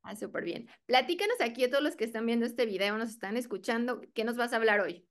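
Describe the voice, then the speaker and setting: Host, woman, upbeat, brisk questions, slightly high pitch. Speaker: dentist host. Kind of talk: interview hosting.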